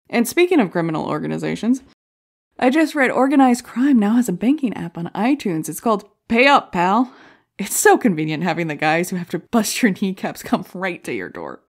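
In an audio drama, an actress with a lowish voice plays a brash, self-deprecating stand-up comic competing in a comedy contest. She delivers jokey rhetorical setups followed by punchlines.

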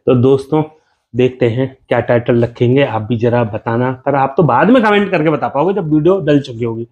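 A man's voice: mid-range voice, a little fast, a little mellow, highs cut off. A young man hosting a home prank video on his wife, pleading and teasing with a laugh in casual banter.

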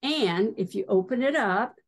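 A woman's voice: mid-range voice, animated, normal speed. A middle-aged woman hosting a needlework video, showing items in a casual, hesitant way with many fillers. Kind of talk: casual show-and-tell.

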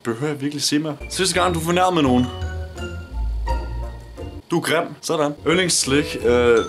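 A man's voice: fairly high pitch, soft background music. A nineteen-year-old man from Denmark answering viewer questions in a casual vlog, blunt, joking and swearing a lot. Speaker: YouTuber.

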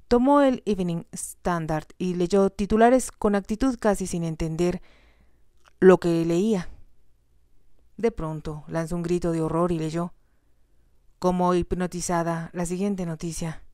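Low-voiced woman reading a novel. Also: dark tone, dry recording, studio quality. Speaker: storyteller. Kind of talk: audiobook narration of a novel.

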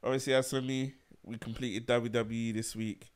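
A man's voice: mid-range voice, level tone, moderate pace, a little hiss or hum. A young man co-hosting a podcast, telling stories in a laid-back way full of slang. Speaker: podcast co-host. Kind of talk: casual chat.

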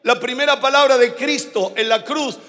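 A Chilean man preaching a sermon as a pastor, slow and emphatic, rising to shouts at his climaxes. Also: very high-pitched. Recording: long hall reverb.

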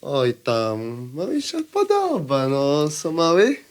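A man's voice: a little high, wildly swooping pitch, takes it slowly, exaggerated voice. A man playing a laid-back, irresponsible uncle in a comedy sketch, teasing and talking to a baby. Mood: unbothered.

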